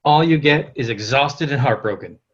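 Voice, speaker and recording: Over a lo-fi video call, an actor in a table read plays a cocky, foul-mouthed young French king in a theatrical comic monologue, gloating and swaggering like a stage showman. Smug, triumphant, boastful and indignant, he speaks at a moderate pace in a medium-pitched, fairly bright voice with a breathy edge.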